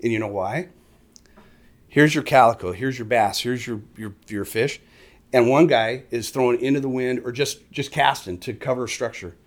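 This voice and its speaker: A middle-aged man, explaining fishing tactics in casual conversation as an animated storyteller who acts out other anglers. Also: mid-range voice, moderate pace. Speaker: fishing guest expert. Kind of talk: casual chat.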